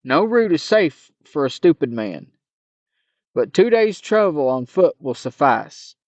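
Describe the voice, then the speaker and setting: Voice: medium pitch, big pitch swings, measured pace, a little mellow, no room sound. A reader voicing a curt old male magician with old-fashioned speech, on a dull, muffled recording.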